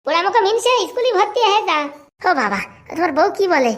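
An eager servant man in a cartoon with a very high, squeaky voice, chattering in a hurry. He is excitable and keeps urging everyone along. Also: fast talker, heavily acted. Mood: hurried. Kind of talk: comic cartoon voice acting.

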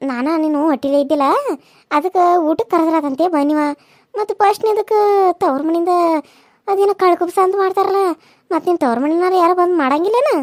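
A woman's voice: extremely high pitch, fast, darkish tone, dry recording, studio quality. A woman voicing a caring older village woman who comforts and advises. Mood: concerned. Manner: soothing, bossy-kind, reassuring. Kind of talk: cartoon serial voice acting.

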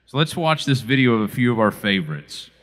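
A man's voice: medium pitch, big pitch swings, a little fast, fairly bright tone. A man emceeing a church banquet, introducing a video and drawing the audience in with questions. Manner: friendly, engaging the audience with questions. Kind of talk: introducing a segment.

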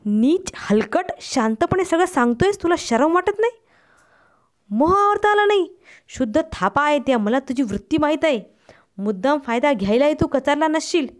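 A woman reading a story aloud, voicing a timid, soft-hearted man who speaks in agitated, exclaiming questions. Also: high voice, expressive, moderate pace, smooth. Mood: furious.

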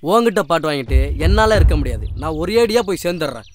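A man playing a rough drunk village husband. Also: fairly high pitch, sing-song, quick pace, a little hiss or hum. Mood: taunting. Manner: rough, taunting, argumentative. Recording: film dialogue under loud music.

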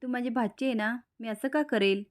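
A woman's voice: on the high side, normal speed, lightly acted. Flustered schemer, read by a woman. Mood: pleading.

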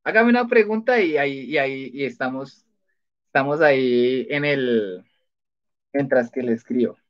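A man's voice: medium pitch, normal speed. A man hosting a casual spelling quiz on a live stream, chatty and laughing often as he reads out answers. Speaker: spelling quiz livestream host. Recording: dull lo-fi sound.

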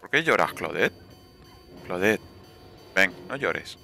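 A man's voice: low-pitched, big pitch swings, slow, creaky, sharp tone, soft background music. A young man commenting live on his gameplay, swearing and taunting the other players.

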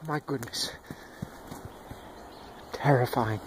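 Man, average pitch, hushed mock-serious nature-doc narration, outdoor handheld recording with birdsong and noise. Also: slow pace. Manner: hushed, mock-solemn documentary delivery. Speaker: home video narrator. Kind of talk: mock wildlife documentary narration. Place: outdoors in a yard with chickens and dogs. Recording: outdoor noise with bird calls.

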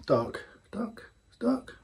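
A man, chatting casually as he tastes a homebrewed beer in a small home brewing room, thinking aloud with plenty of fillers. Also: drawn-out words. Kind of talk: casual tasting vlog.

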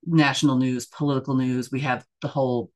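A woman's voice: very deep voice, flat delivery, brisk, darkish tone. A middle-aged woman from the United States, talking through an interview in a thoughtful way, full of fillers and self-corrections. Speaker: church member and news editor being interviewed. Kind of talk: casual conversational interview.

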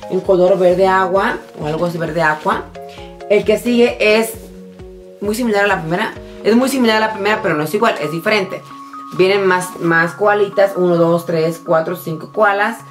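A woman chats casually through a shopping haul, her voice mid-pitched. She sounds tired yet excitable and addresses her viewers directly. Faint music plays in the background. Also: moderate pace. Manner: bubbly, excitable, talks straight to viewers. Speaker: vlogger showing a shopping haul. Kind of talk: casual chatty product show-and-tell.

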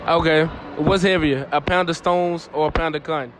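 Recorded on a handheld phone, a casual street interview takes place in a shopping mall, where a young man approaches strangers, echoes their replies, and laughs frequently. He speaks at a moderate pace in a fairly high, steady, fairly bright voice, with slight hiss or hum audible.

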